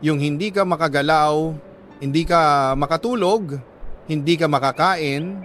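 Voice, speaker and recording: This Filipino-accented man hosts a radio drama, reading out a letter from a listener slowly and mournfully, pausing for dramatic effect. His pitch is a little high and his tone fairly bright, with faint music playing behind him.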